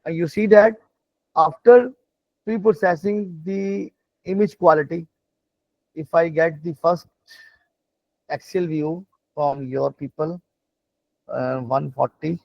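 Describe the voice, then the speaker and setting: A fairly high-pitched man with vocal fry teaches a live online lesson, demonstrating on screen as he explains. He is a non-native English speaker whose explanations are halting and repetitive, with frequent check-in questions. There's no room sound, and the call audio is dull and lo-fi.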